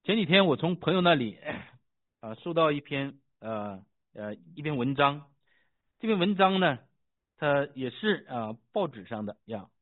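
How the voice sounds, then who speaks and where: A man pastor reading scripture, praying and preaching with fervent emphasis, pausing with fillers as he talks. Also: on the high side, big pitch swings. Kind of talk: sermon with scripture reading and prayer. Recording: tinny phone-like sound.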